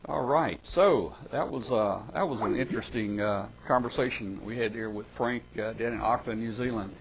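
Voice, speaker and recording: A man's voice: on the low side, normal speed, creaky. A man hosting a live ham radio webcast, talking in an easygoing way with many trailing fillers. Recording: slightly dull webcast audio with faint noise.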